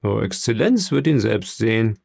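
A man's voice: lowish voice, sing-song, moderate pace, creaky, a little mellow, dry recording, studio quality, heavily acted. A man voicing a grown sailor who answers respectfully and evasively. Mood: guarded. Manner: respectful, addresses his listener formally. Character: adult male sailor, guarded and evasive.

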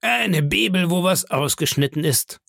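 A man's voice: high-pitched, expressive, measured pace, vocal fry, fairly bright tone, no room sound, studio quality, pitched above the performer's own voice, full character voice. A man voicing a cunning older male pirate leader who talks in a scornful, threatening way, in a storybook reading. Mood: mocking.

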